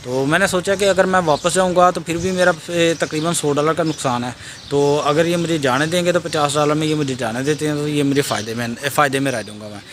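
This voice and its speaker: A man's voice: a little high, brisk. Rambling man, noisy outdoors. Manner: rambling, hesitant, with many fillers and restarts. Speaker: vlogger. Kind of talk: casual travel storytelling. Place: outdoors at a roadside border crossing. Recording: noisy outdoor ambience with birds and traffic.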